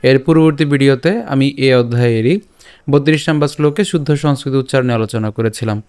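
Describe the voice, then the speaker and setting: A man teaching Sanskrit verse pronunciation, repeating each syllable slowly and checking in with his listeners. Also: medium pitch, a little mellow, smooth. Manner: slow syllable-by-syllable repetition, frequent "ঠিক আছে?". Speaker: Gita teacher. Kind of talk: pronunciation lesson.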